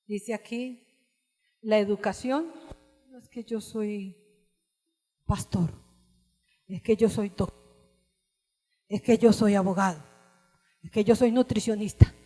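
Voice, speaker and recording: A woman preaching a sermon with passion, rising to cries and dropping to hushed tones. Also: medium pitch, steady tone, slow pace, pauses often, big-room sound, faint music behind. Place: church service.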